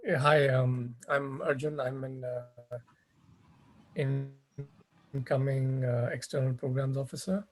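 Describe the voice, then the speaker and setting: A man's voice: mid-range voice, flat delivery, measured pace, long pauses. A man from India, raised in Kenya, giving a hesitant self-introduction in a casual online meeting. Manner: hesitant, many fillers. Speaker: PhD student.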